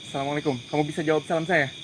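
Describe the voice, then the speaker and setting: A man hosting a paranormal investigation, giving hushed, tense live commentary outdoors at night among trees, muttering prayers and pleading. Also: fairly high pitch, fairly even intonation, very fast, background noise. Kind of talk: live ghost-hunting commentary.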